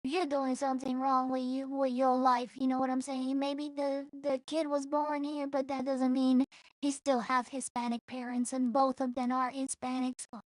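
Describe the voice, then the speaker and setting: A woman's voice: high voice, completely flat delivery, normal speed, dry recording, studio quality. A woman from El Salvador, rambling bluntly and profanely in a casual vlog monologue, often restarting her sentences. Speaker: streamer.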